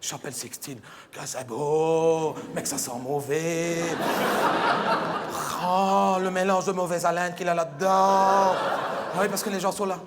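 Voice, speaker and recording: A man's voice: a little high, steady tone, a little slow, natural voice. A man playing a chatty, gossipy middle-aged mother, rambling through a comic monologue. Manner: chatty, rambling, punchline-driven. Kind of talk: stand-up character monologue. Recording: live hall with reverb and audience noise.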